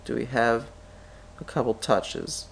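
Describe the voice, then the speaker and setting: Here a stock market analyst, stuffed up with a head cold and clearing his throat, thinks aloud through a screen-recorded chart tutorial, often correcting himself as he draws. He has a medium-pitched, slightly rough voice with vocal fry, fairly even intonation and a slow pace.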